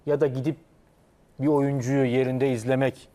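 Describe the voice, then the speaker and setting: Mellow-voiced man posing rhetorical questions. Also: mid-range voice, little pitch movement, normal speed. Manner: rhetorical, asks and answers his own questions. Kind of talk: studio panel discussion.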